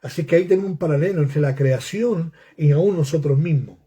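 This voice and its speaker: A man's voice: fairly high pitch, a little fast, mellow, husky. A man preaching a sermon, earnestly repeating phrases and asking his listeners for agreement. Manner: earnest, repeats phrases, asks the congregation "¿no es cierto?".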